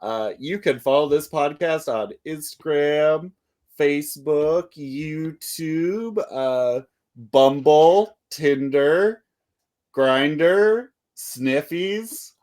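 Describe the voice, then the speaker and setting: A man's voice: a little high, very slow, a little mellow. A man co-hosting a podcast, chatting casually in a rambling, self-deprecating way and laughing often. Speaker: podcast co-host. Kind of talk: casual chat.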